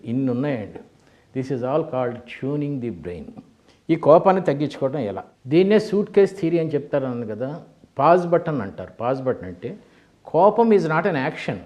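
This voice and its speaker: An older man giving a motivational lecture through animated stories, acting out the people in them. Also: medium pitch. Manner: animated storytelling, acts out quoted characters, mixes in English phrases. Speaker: motivational speaker. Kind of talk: storytelling lecture.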